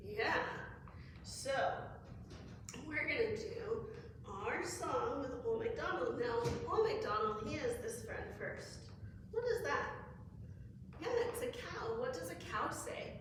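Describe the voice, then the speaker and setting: A high-pitched woman speaks to toddlers at a children's story time, encouraging them and asking simple questions. Her delivery is slow and simple. The recording is very echoey, picked up from a distance with noise around it. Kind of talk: interactive nursery rhyme and song session for toddlers. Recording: very echoey room, distant mic, noisy.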